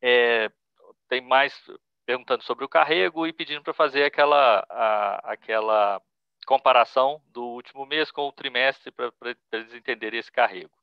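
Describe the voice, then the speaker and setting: A man's voice: medium pitch, normal speed, clean tone, no echo, highs cut off. A man moderating an earnings conference call, relaying analysts' questions and reading out their names.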